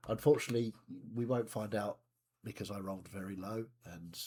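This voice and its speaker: As game master of a tabletop game, a man narrates scenes and asks his players what they do, measured and descriptive with occasional asides. His voice is fairly low, mellow, and slightly rough. It's recorded over voice chat on a live stream.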